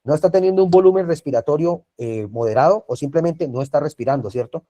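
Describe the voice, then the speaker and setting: A man with a Colombian Spanish accent teaches an online first aid class. His voice is mellow and dark in tone. He talks over a video call and keeps asking whether his students follow. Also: a little high, lively intonation, quick pace. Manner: repetitive, checks in with frequent tag questions.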